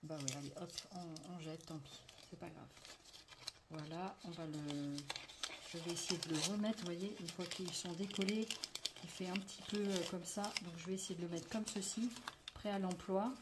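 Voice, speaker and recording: A woman's voice: fairly low pitch, fairly even intonation, moderate pace. A French woman casually showing craft supplies on a table, talking through each step with many fillers. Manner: chatty, many fillers and "voilà", narrating her hands. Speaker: crafts vlogger. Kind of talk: casual show-and-tell unboxing. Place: indoors at a table, not her home. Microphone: phone camera. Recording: loud crinkling and clicking noise.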